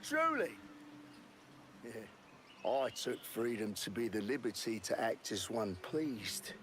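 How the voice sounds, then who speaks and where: An actor playing a gruff, talkative old sea dog, like an aged fisherman musing on life, in a video game. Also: mid-range voice, wildly swooping pitch, takes it slowly, fairly bright tone, a little hiss or hum, heavily acted. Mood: impassioned, reflective. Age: older. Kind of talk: video game character acting. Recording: music playing behind the voice.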